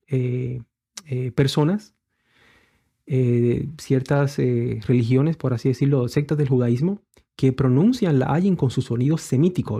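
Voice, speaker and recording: Mellow-voiced man teaching scripture. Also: mid-range voice, gravelly. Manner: explains patiently, with many fillers and rhetorical questions; refers to letters shown on screen. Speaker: bible teacher. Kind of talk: religious teaching.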